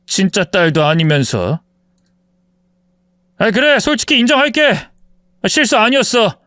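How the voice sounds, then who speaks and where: A man's voice: high-pitched, sing-song, measured pace, sharp tone, smooth, no room sound, studio quality, exaggerated voice. A man voicing an arrogant husband in his forties who mocks his wife and justifies his cheating. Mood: mocking. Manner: contemptuous, mocking, self-justifying. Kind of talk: dramatized story reading.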